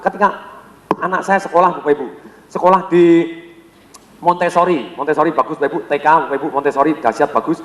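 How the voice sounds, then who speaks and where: A middle-aged man giving an energetic sales seminar to a live audience, calling on them with rhetorical questions and having them finish his sentences. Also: sits high. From Indonesia. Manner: peppers talk with direct address and rhetorical questions. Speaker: sales trainer. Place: large hall. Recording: echoey hall with long reverb.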